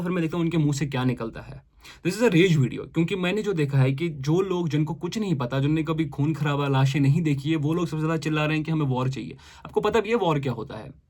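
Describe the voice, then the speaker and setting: A young Kashmiri man with a Kashmiri accent, speaking an impassioned monologue to camera, mixing Hindi and English and firing off rhetorical questions. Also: fairly high pitch. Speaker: vlogger.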